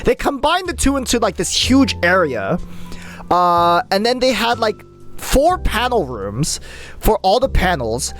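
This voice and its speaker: A streamer chatting casually with viewers, rambling and excitable, full of fillers and swearing. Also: medium pitch, unhurried, soft background music. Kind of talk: casual live-stream chat.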